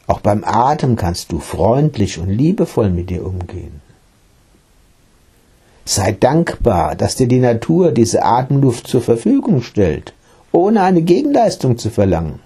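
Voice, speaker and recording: A man voicing a gentle, patient male meditation teacher who explains his practice in a read-aloud story. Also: medium pitch, very animated, a little slow, slightly rough, heavily acted.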